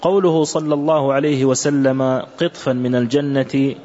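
Guy reading an old commentary out loud, careful and measured, kinda muffled lo-fi sound. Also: mid-range voice, steady tone. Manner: measured, careful recitation of quoted texts. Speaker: student reading the text aloud. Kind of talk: formal reading of a classical commentary. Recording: dull lo-fi recording.

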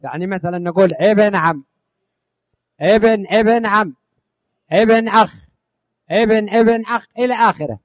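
A man with a high, lifted voice teaches a religious law lesson as a recitation. He asks his listeners each question and answers it himself, running through lists again and again. The sound is close and dry, with no room around it. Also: moderate pace, pauses often, no room sound. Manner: rising on each question, dropping at the end of lists; addresses listeners affectionately. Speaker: teacher of Islamic inheritance law.

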